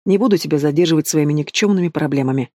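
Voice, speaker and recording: A man's voice: a little high, racing, a little mellow, no echo, studio quality, lightly acted. A man voicing a young pregnant woman who answers her mother with bitter sarcasm, in an audiobook.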